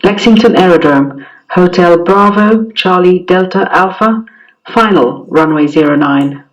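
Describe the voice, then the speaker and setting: Brief: male pilot on a cockpit headset radio, high voice, clipped calls, heard from a distance. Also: a little slow. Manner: clipped, formulaic radio phrasing. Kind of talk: demonstrating aviation radio calls.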